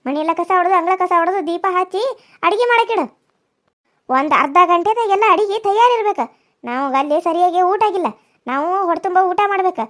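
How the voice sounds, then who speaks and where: A woman voicing a domineering older village mother-in-law, who scolds and taunts slowly. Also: very high-pitched, expressive, fairly bright tone, no room sound, clean studio sound. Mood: commanding. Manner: scolding, insulting, drawn-out taunts. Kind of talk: cartoon voice acting.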